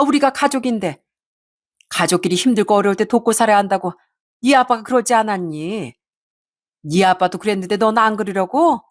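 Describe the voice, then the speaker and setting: A woman voicing a greedy, nagging older mother-in-law who drawls her complaints slowly and guilt-trips. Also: mid-range voice, natural voice. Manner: slow, drawn-out, whining guilt-tripping.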